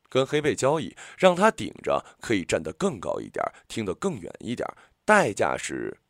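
A man narrating a story in a slow, expressive audiobook reading. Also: lowish voice, no echo, clean studio sound.

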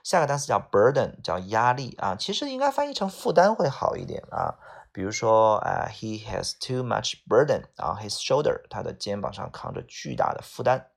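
Gravelly male English teacher. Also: on the low side, big pitch swings, moderate pace. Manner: repeats each word, many fillers. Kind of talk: vocabulary lesson.

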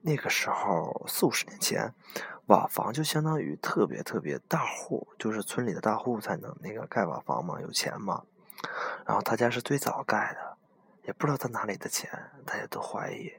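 Man, whispered storytelling, low voice, gravelly, hesitant, repeats phrases. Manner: hushed, hesitant, repeats himself.

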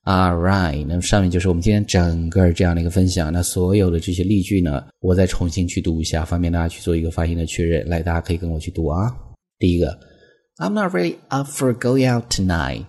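A man teaching English phrases as a lesson, explaining patiently and reading example sentences slowly. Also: low voice, little pitch movement, dark tone, breathy edge. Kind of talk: language lesson.

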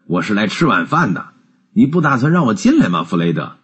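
A man voicing a gruff old male miser turned kindly boss in a storybook reading, with a low, husky growl. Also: very animated, fairly quick, dull audio, full character voice. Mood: hearty. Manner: low growling, then warm and generous.

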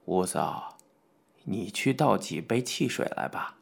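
A man voicing a stooped, kindly old man over sixty, who speaks low and softly in an audiobook. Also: lively intonation, takes it slowly, gravelly, husky, heavily acted. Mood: gentle.

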